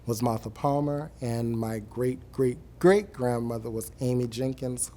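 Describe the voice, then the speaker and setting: A man from coastal Georgia, speaking earnestly and deliberately in a reflective documentary interview. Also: medium pitch, mellow. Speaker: member of a traditional singing group. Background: music.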